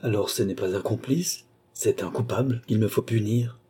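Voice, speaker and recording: A man's voice: on the low side, normal speed, warm tone, husky. A man voicing an anxious young nobleman who presses his sister with urgent questions in an audiobook reading.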